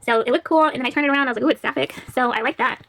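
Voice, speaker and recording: A woman's voice: high-pitched, rapid-fire, fairly bright tone. A woman chatting casually about books she borrowed from the library, laughing often and reading back-cover blurbs aloud. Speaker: book vlogger. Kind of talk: casual library haul chat.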